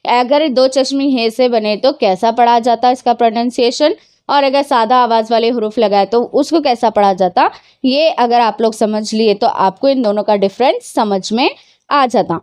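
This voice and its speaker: Woman teacher, slightly high voice, patient question-and-answer grammar lesson, dry close sound. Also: normal speed, darkish tone, clean tone, no room sound. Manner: patient, asks questions and answers them herself; mixes English words into explanations. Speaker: Urdu teacher.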